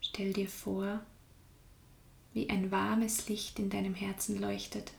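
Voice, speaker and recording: A woman guiding a meditation in a calm, soft-spoken way, often sinking into a whisper. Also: mid-range voice, slow pace, vocal fry, roomy sound. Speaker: meditation guide. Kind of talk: guided meditation.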